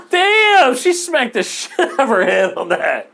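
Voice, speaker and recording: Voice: high voice, wildly swooping pitch, slow pace, creaky, a bit bright. Joking, crude movie-reaction chatter. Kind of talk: casual reaction chat.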